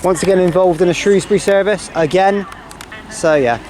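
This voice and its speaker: A man's voice: high-pitched, normal speed, darkish tone. A man giving chatty, casual running commentary outdoors on a railway platform, reeling off train numbers. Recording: outdoor platform with clear background noise. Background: passing trains, outdoor ambience.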